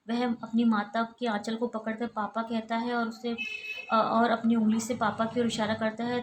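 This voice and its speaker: Woman lecturing in a flat, even tone. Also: on the high side. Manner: steady, explanatory, lists examples one by one. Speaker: assistant professor. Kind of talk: recorded college lecture. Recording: echoey room with faint ambient noise.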